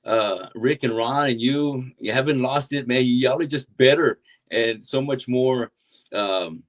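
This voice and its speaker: Man, podcast host, enthusiastic, effusive praise, casual swearing, mid pitch. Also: unhurried. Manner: effusive, hyped, swears for emphasis. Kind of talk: enthusiastic interview hosting.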